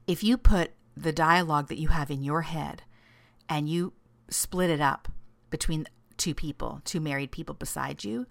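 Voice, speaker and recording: A middle-aged woman coaching listeners on self-kindness, talking in a gentle, encouraging way, often checking in with "right?", laughing often and dropping into soft whispered asides. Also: sits low, vocal fry, no room sound. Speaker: self-love coach and podcast host. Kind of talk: casual reflective monologue. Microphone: studio microphone.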